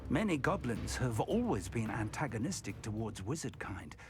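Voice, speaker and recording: A man's voice: mid-range voice, big pitch swings, normal speed, close to an everyday voice. An actor voicing a young male wizard hero who muses aloud in video game dialogue. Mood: musing. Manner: thoughtful, musing aloud.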